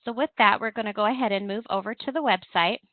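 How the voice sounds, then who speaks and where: A compliance software trainer leads an instructional webinar walkthrough, explaining step by step in a mid-range voice at a quick pace. She's on a telephone conference call, so the dry recording comes through a thin, narrow-band phone line.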